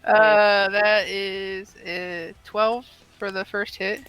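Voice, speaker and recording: An upbeat, eager player calls out rolls and moves in a tabletop game. The voice is bright and smooth, at a middle pitch. The delivery is keen and game-focused. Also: level tone, drawn-out words, soft background music.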